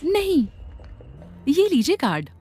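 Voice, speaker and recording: A woman's voice: very high-pitched, huge pitch swings, slow, a little mellow, exaggerated voice. A woman doing Sara, a cheerful young bride. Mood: warm. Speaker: voice actor. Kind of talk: Hindi dub acting.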